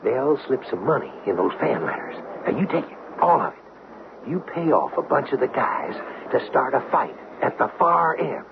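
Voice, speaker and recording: The same old-time radio drama features a man as a cocksure convict planning to break out of prison, speaking folksy, urgent and confident with a conspiratorial mood. His voice is medium-pitched, expressive and gravelly at a moderate pace, heard through dull, noisy old audio.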